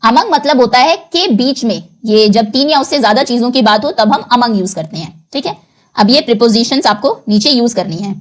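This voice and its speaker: A woman's voice: on the high side, animated, normal speed. A woman teacher explaining an English textbook lesson, spelling words out letter by letter and switching between Hindi and English.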